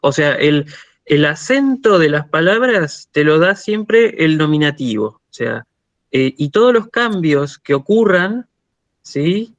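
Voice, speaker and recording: A man's voice: on the high side, sing-song, slow, dry recording, lo-fi sound. Argentine man lecturing, dry close sound. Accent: Argentine Spanish. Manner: checks in with frequent "¿sí?" and "¿mm?", thinking aloud with restarts. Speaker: university lecturer.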